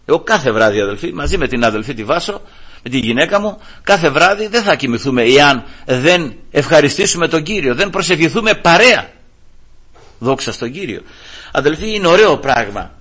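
A male preacher delivering a sermon, emphatic and repeatedly addressing his listeners as brothers, with a husky voice. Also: a little high, big pitch swings, fairly bright tone.

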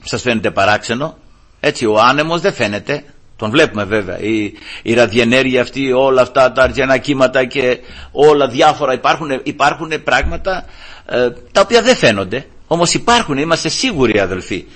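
A male preacher delivering a sermon, emphatic and repeatedly addressing his listeners as brothers, with a husky voice. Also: medium pitch, animated, a bit bright.

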